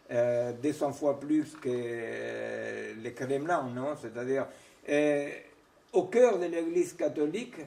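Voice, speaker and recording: A man lecturing at a seminar, his voice set a little high for a man. He is recorded from across an echoey room. He hesitates and restarts often, and he keeps tossing questions back to the audience as he goes. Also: mellow. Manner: digressive, keeps checking in with "vous voyez", "non?", "hein". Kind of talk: informal academic seminar lecture. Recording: echoey room, mic far from speaker.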